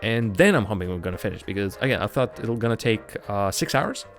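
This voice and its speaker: A man's voice: fairly low pitch, animated. Man chatting casually over game music. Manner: halting, thinking aloud, self-deprecating. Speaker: host of a game playthrough stream.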